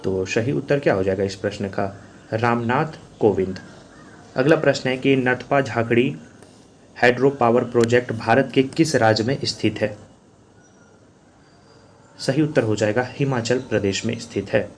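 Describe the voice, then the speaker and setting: A man's voice: medium pitch, moderate pace, long pauses, slight background noise. Man drilling quiz answers. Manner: repetitive question-and-answer drilling, "sahi uttar ho jayega". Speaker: exam coaching teacher. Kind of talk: quiz answer walkthrough lesson.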